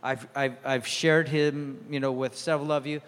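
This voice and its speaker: A man's voice: normal speed, long reverb tail. A man preaching a sermon, telling stories and acting out quotes with sudden jumps in his voice. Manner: animated, acts out quotes with sudden pitch jumps. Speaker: pastor. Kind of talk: sermon with storytelling.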